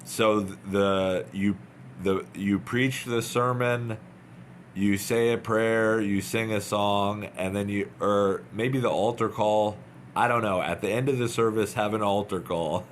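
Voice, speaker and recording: Slow, earnest man urging, low voice. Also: steady tone, a little hiss or hum. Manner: earnest, urging, repetitive, halting. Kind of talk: informal devotional talk, unscripted.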